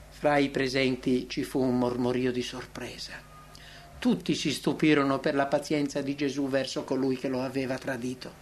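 A man's voice: mid-range voice, a little hiss or hum. A man reading a religious book aloud as scripted narration. His delivery is dramatic, swelling and then dropping to near-whispers at the ends of phrases.

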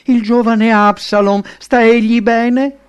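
A man voicing an aging king mourning his son, in a slow, drawn-out, wailing lament. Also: very high voice, little pitch movement, clean tone, voice pushed up. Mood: anxious. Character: grieving old King David, father mourning son.

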